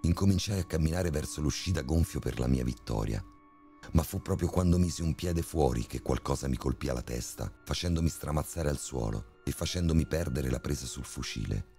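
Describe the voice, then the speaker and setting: Very deep, dark male horror narrator. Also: a little fast, creaky. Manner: steady, grim storytelling. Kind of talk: scripted first-person horror narration. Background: faint background music.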